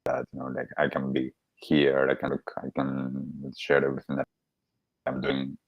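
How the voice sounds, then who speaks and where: A man in his thirties, born in Argentina, talking casually as a podcast guest, halting with many restarts. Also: very deep voice, completely flat delivery, no room sound, muffled recording. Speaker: podcast guest, wellbeing coach. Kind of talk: casual interview talk.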